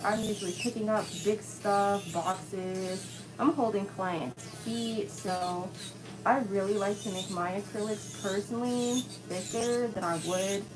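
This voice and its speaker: A woman chatting casually as a nail technician giving a live tutorial. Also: mid-range voice. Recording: clearly noisy background.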